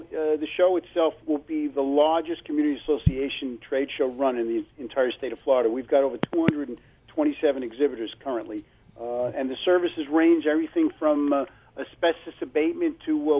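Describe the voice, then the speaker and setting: A man with a thick-textured, husky voice and a Brooklyn accent speaks as a guest in a radio interview. His voice sits a bit high for a man and comes through a narrow telephone line. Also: fairly even intonation, brisk. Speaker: phone-in guest, trade show organiser. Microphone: phone call.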